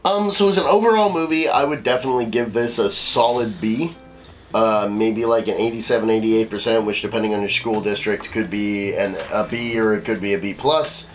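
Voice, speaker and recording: A man's voice: fairly low pitch, brisk, faint music behind, low-quality recording. A man giving a casual, rambling film review, swearing freely as he goes. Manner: profane, rambling. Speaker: film review show co-host.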